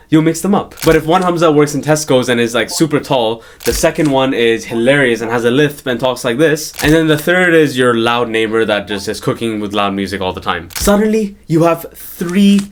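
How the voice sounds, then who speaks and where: A man's voice: a little high, slight background noise. A young man, a doctor, explaining study techniques to camera in an earnest, explanatory way that leans on key points. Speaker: study-skills YouTuber and doctor. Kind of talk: educational video talk to camera.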